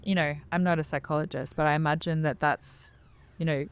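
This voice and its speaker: A woman from Australia with an Australian accent, a business coach guest who chats casually and keeps affirming with quick "yeah"s. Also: low voice, steady tone, clear, resonant tone. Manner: chatty, affirming, many "yeah"s. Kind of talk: casual podcast conversation.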